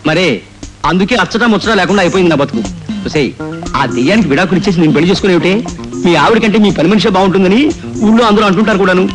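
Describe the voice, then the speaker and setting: A man plays a crotchety old father who never stops bickering and hurls made-up insults at his family. His voice sits high and the words tumble out fast. The tone is scolding and theatrical, pure film comedy. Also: over music, natural voice. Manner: rapid scolding, mock-grand insults. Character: cantankerous old father, spouting invented insults.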